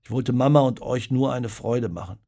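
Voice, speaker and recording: A man voicing a quiet, remorseful middle-aged father who speaks softly and hesitantly. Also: mid-range voice, moderate pace, natural voice. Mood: gentle. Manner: soft, gentle, hesitant.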